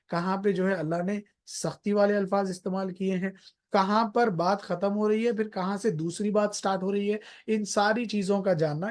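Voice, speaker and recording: A tajweed teacher giving an explanatory religious lesson, patiently defining terms one by one with everyday examples and slowing down on English phrases. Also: medium pitch, a little mellow. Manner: slows down sharply on English phrases.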